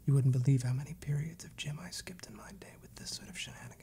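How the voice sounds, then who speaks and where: A man's voice: a little high, fast talker, dark tone, lightly acted. A man in his twenties playing a fussy, exasperated, wordy librarian scolding a child in a whispered role-play. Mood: exasperated, dismissive. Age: 20s. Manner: prim, wry, wordy.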